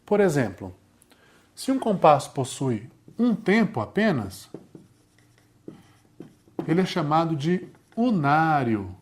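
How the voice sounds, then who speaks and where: A man's voice: a little high, sing-song, takes it slowly, long pauses, slight background noise. A man with a Brazilian Portuguese accent teaching a music theory lesson, explaining step by step and often checking in with his students.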